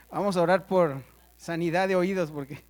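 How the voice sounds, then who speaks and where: A woman leads a Bible study in a church classroom. She keeps things conversational, tossing quick questions to the class and joking with them. When a term matters, she slows right down and spells it out for note-takers. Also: fairly low pitch, a little mellow. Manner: conversational, checks in with the class often; playful asides, spells out terms slowly for note-takers.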